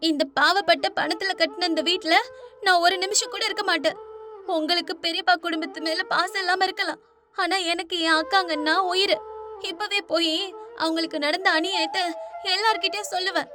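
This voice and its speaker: A woman voicing a spirited young woman who scolds her parents indignantly and firmly in an animated cartoon dub. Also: very high voice, brisk. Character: spirited young woman, righteous and defiant daughter.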